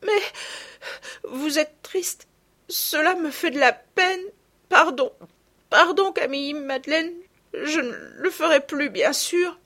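Storybook role: a woman doing a tearful, remorseful little girl, high and slow, sobbing breathlessly. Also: expressive, fairly bright tone, exaggerated voice. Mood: tearful pleading.

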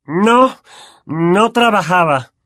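A man voicing a tense, blustering middle-aged uncle with a Latin American Spanish accent, gruff and barking. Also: high voice, expressive, drawn-out words, a bit bright, pitched above the performer's own voice, full character voice.

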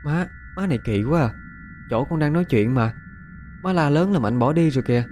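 A man's voice: on the high side, lively intonation, brisk, darkish tone, slight background noise, pitched above the performer's own voice, lightly acted. A man voicing an eighteen-year-old village girl who sounds whiny and pleading.

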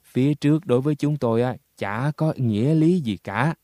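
A man voicing the ghost of a young male soldier, blunt and rough in his talk. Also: medium pitch, moderate pace, dark tone, no room sound, natural voice. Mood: puzzled.

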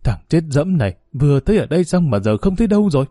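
A man voicing a fretful old mother who talks in a hurried, tearful, slightly raised voice. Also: fairly high pitch, big pitch swings, mellow, no room sound, clean studio sound. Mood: flustered. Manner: flustered, tearful.

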